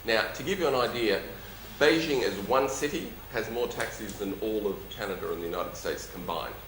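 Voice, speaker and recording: A man's voice: fairly low pitch, fairly quick, a bit bright. A man with a lisp speaking as a company executive in a question-and-answer session, with a jovial, dryly humorous, emphatic manner. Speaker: company executive presenting and taking audience questions. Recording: roomy echo, faint background noise.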